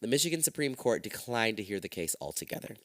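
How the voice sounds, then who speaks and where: A man hosting a podcast, retelling a true-crime case in a casual, profane, animated way on a close mic. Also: fairly low pitch, fast talker, dry recording. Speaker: podcast host.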